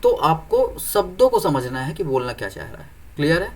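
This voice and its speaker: A man's voice: fairly high pitch, huge pitch swings, fairly quick. A young man teaching an exam-prep reasoning lesson, explaining step by step and often asking whether students follow. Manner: explains step by step, keeps checking "clear?".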